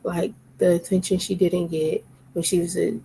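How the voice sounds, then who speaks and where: Gravelly, low-voiced tired woman. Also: level tone, normal speed, mellow, slight background noise, rough recording. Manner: rambling, tired, many fillers. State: sleepy, yawning. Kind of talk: casual talk to camera.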